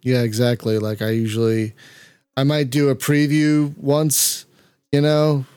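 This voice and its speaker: A man's voice: medium pitch, level tone, a little slow, darkish tone, clean tone, dry recording. Man, podcast host, casual gameplay chat, dry close sound, stumbling restarts. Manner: reacts aloud while playing, stumbling restarts. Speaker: podcast host playing a game on stream.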